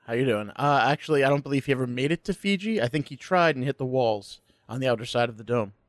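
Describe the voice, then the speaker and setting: A man's voice: mid-range voice, fast, dry recording, clean studio sound. A young man co-hosting a podcast over a call, teasing and arguing in casual chat. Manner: teasing, argumentative, swears casually. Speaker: podcast co-host.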